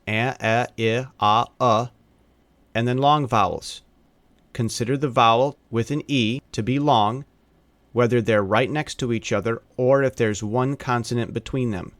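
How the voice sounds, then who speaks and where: A man teaching phonics and spelling in a slow narration, sounding out letters and vowel sounds one by one. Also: mid-range voice, no echo.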